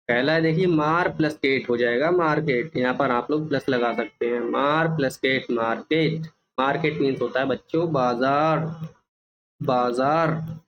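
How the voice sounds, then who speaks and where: A man walks children through an English workbook, his voice a bit high for a man. He spells and repeats each word slowly and patiently. The recording is muffled, with a faint hiss behind him. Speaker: teacher.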